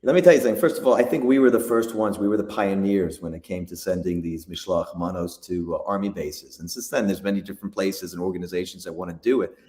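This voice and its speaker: A man's voice: sits low, fast talker, hardly any pauses, a little mellow. A rabbi co-hosting a chat from a remote spot, his voice carrying a cave-like echo, upbeat and emphatic. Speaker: rabbi and co-host. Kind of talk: casual chat, joining remotely. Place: echoey remote room, location undisclosed. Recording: echoey remote call audio.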